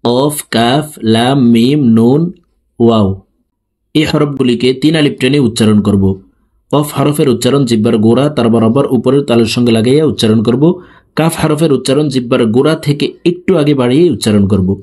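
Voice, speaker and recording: A man teaching letter pronunciation, explaining each sound slowly and then chanting it with long drawn-out vowels. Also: medium pitch, a little mellow. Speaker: Quran reading teacher.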